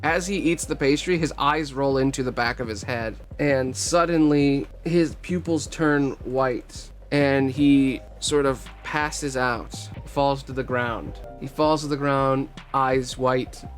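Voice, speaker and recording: A man running a tabletop game as game master, telling the story in a loose, casual way full of fillers. His voice sits at a middling pitch, and faint music plays behind him. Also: takes it slowly, few pauses.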